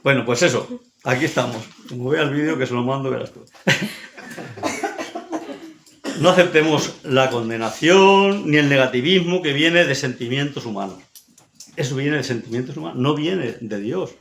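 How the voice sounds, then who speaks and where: A man's voice: medium pitch, moderate pace, gravelly, pauses often, fairly bright tone, a little hiss or hum. A man from preaching a sermon, emphatic and repetitive, often checking in with his listeners. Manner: emphatic, repetitive, frequent tag questions. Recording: echoey church hall.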